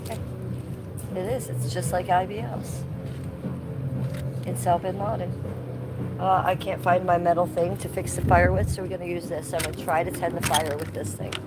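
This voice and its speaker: Over loud music, a woman in her fifties talks back to her livestream viewers, reading their comments and replying in a sassy, teasing way. She speaks at normal speed with a lowish voice and steady tone, pausing often. The recording, made by a fire in an outdoor yard, is noisy with ambient sound.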